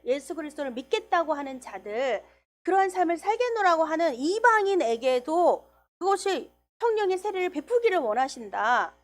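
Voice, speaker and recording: A middle-aged woman preaching a church sermon, telling a story with lively quoted dialogue. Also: sits high.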